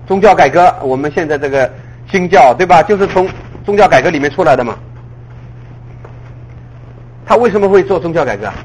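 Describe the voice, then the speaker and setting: A man preaching a sermon in a lively way. He fires off rhetorical questions at his listeners and often chuckles at his own points. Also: sits high, slightly rough, low-quality recording.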